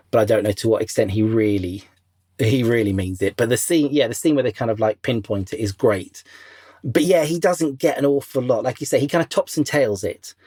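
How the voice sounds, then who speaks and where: A man's voice: fairly low pitch, a little mellow, husky, no echo. Rambling man with a dry close sound. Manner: rambling, many fillers and restarts. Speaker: interview guest, former crew member. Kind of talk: casual podcast interview.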